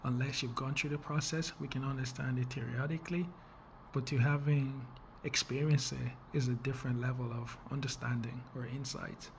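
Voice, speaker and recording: A young man from the Congo, a nonprofit founder, making an earnest, measured funding pitch with some fillers and small restarts. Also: steady tone, slight background noise.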